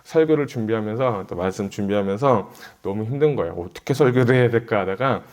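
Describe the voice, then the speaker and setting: A middle-aged pastor delivers a Bible exposition sermon in a fast, fairly low, darkish voice with lively intonation. He thinks aloud in a conversational way, then grows earnest and urgent when exhorting his listeners.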